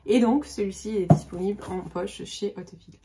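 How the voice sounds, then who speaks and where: A woman's voice: medium pitch, fairly quick, warm tone, slight background noise. A woman in her forties chatting casually about books on her vlog, hesitant with many fillers and restarts. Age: 40s. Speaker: book vlogger. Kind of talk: casual book vlog chat.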